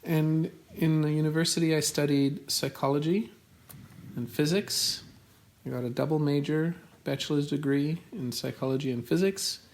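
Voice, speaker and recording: A South African man in his forties, answering interview questions carefully and spelling words out. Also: medium pitch. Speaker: podcast host being interviewed by his daughter.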